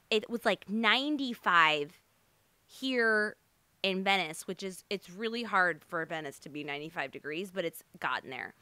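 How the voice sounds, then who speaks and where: A bright, clear American woman chats as a podcast host in a close, dry recording. She is brash and jokey, swears freely, and has a slight retainer lisp that slurs her words. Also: medium pitch, no room sound. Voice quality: slightly lisping, slurred speech from wearing dental retainers. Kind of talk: casual chatty solo podcast.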